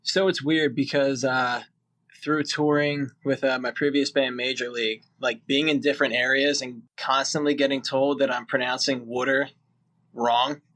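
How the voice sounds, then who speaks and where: A man's voice: mid-range voice, flat delivery, moderate pace, fairly bright tone. A young man from the Philadelphia area, a musician guest chatting casually and rambling a bit. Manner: rambling, easygoing, lots of fillers. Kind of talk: casual interview.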